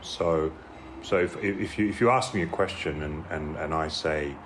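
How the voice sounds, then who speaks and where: A man's voice: rumbling low, normal speed, background noise. A man playing a rambling male therapist who stammers through false starts and hedges constantly. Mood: hedging. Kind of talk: improvised comedy dialogue.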